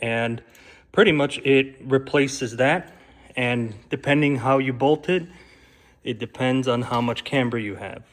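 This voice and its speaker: A man hosting a casual car vlog, calmly explaining each step as he works in a garage. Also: medium pitch, unhurried. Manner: relaxed, explaining step by step while working. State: out of breath. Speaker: car channel host.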